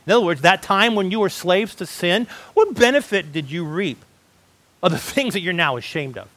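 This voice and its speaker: Animated, high-pitched preaching man. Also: moderate pace, dry recording. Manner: conversational, emphatic, frequent "right?" and "folks". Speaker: pastor. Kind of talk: sermon.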